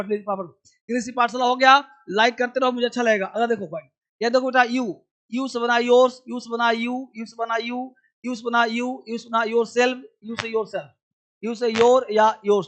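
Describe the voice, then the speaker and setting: A man teaching English in a live online lesson, drilling phrases with repetition and urging viewers to answer fast. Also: extremely high pitch, pushed and bright.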